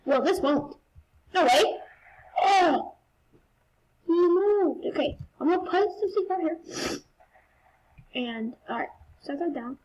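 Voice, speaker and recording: A woman giving casual gameplay commentary, swinging between low muttering and excited squealing outbursts. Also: slow pace, pauses often, a little hiss or hum, poor audio. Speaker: gaming channel host.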